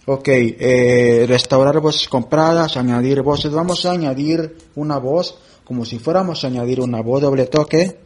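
A man presenting a relaxed tutorial, explaining app settings step by step and thinking aloud as he goes. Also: medium pitch, normal speed, a little hiss or hum. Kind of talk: screen-reader app walkthrough.

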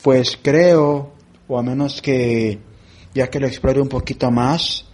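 A man presenting a relaxed tutorial, explaining app settings step by step and thinking aloud as he goes. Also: mid-range voice, slow. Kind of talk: screen-reader app walkthrough.

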